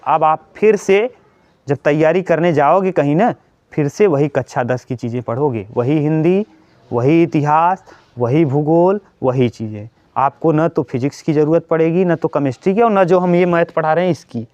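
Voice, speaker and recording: A male teacher gives students an earnest motivational lecture, repeating himself and posing questions he answers. His voice sits a little high for a man. The sound is dry and slightly muffled. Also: a little mellow, no room sound. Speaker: coaching teacher. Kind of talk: motivational talk to students during a maths class.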